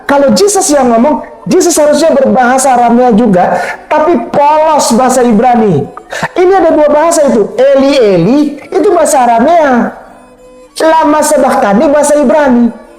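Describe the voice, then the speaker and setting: A man's voice: very high voice, a little mellow. Brief: male preacher, emphatic, keeps asking rhetorical questions, roomy sound with faint music. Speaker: Islamic preacher. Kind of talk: animated preaching to a convert.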